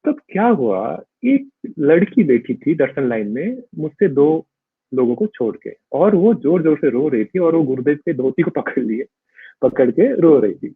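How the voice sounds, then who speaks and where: Heard over dry, tinny, phone-like audio with no room sound, a male monk guest recounts his life in an interview. His voice is on the high side with big pitch swings, a breathy edge, and a moderate pace, and his telling is hesitant, full of fillers and English words.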